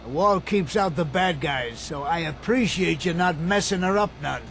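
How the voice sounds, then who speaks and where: An actor playing a folksy, protective town painter in a video game, plain-spoken. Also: male voice, fairly high pitch, normal speed, a bit bright, a little hiss or hum.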